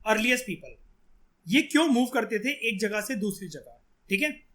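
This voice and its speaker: Guy teaching a class, chatty, keeps talking right at the students, highish voice. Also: big pitch swings, moderate pace, fairly bright tone. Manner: chatty, addresses students directly and acts out lines.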